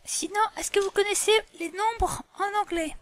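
A woman voicing a patient, slightly muddled female animal schoolteacher in a toy play, slow and didactic with many fillers. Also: extremely high pitch, fairly even intonation, dry recording. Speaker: teacher. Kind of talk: toy role-play lesson.

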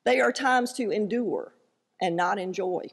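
A woman pastor delivering a sermon and scripture reading in a measured, earnest way. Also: medium pitch, gravelly, breathy edge. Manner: measured, earnest delivery with light self-deprecating asides. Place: church sanctuary. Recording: long hall reverb in a church.

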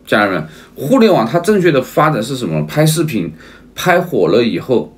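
A man's voice: mid-range voice, very animated, normal speed, soft background music. A man on a livestream who keeps calling his viewers family, repeats himself and asks again and again whether they agree. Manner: repetitive, emphatic. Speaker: livestream seller.

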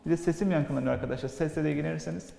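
Gravelly man in cathedral echo. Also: on the high side, fairly even intonation, very fast, dark tone. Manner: poses questions and draws conclusions. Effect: heavy cathedral-like echo on his voice. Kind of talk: political talk show discussion. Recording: echoey long hall reverb.

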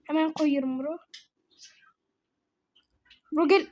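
Excitable high-voiced woman gaming. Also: slow. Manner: excitable, playful, calls friend bro. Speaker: gaming video host. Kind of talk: casual gameplay chatter.

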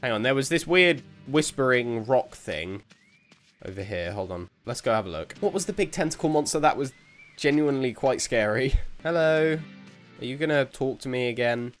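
A man's voice: mid-range voice, animated, moderate pace, soft background music. A young man giving let's-play commentary on a horror game, jumpy and exclaiming, often laughing. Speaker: gaming youtuber.

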